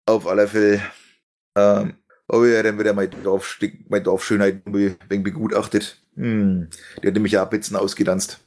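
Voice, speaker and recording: A man's voice: fairly low pitch, flat delivery, moderate pace, a little mellow. A young man telling rambling, laughing anecdotes in a casual stream chat. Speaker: stream host telling a story.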